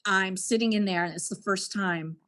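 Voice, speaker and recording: A woman's voice: medium pitch, normal speed, fairly bright tone. A woman from Canada, a guest on a podcast who works in education, telling her own story in a frank, reflective way with an occasional laugh. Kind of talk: candid personal storytelling.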